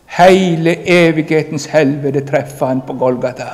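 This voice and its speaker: A man delivers an earnest, emphatic sermon and speaks straight to his listeners. His voice sits a little high for a man. It carries a long hall reverb. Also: slight background noise. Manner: earnest, emphatic preaching, addressing the congregation directly. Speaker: preacher.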